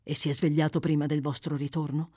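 A woman doing a grave older gentleman. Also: low voice, little pitch movement, fast.

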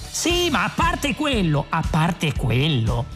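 A man voicing a reckless, overconfident male space adventurer who shouts excitedly, in an audiobook. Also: high-pitched, moderate pace, vocal fry, music in the background, pitched above the performer's own voice, exaggerated voice. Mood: excited bluster.

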